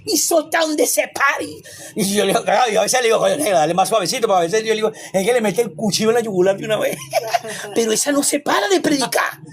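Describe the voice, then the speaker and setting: A man's voice: extremely high pitch, animated, fast talker. A man preaching a sermon as a pastor, emphatic and repetitive, with rhetorical questions and asides.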